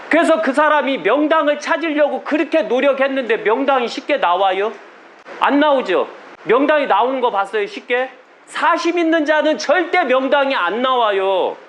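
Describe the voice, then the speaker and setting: Religious leader, male, Chungcheong accent, very high and lively voice, blunt sermon full of rhetorical questions. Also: slight background noise. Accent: Chungcheong Korean. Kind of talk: sermon to followers.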